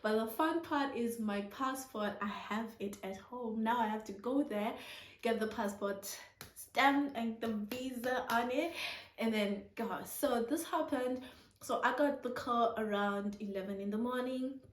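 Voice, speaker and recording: A young woman from Zimbabwe tells a personal story in a casual, animated way, laughing often and acting out the dialogue. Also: on the high side, distant mic. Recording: echoey room.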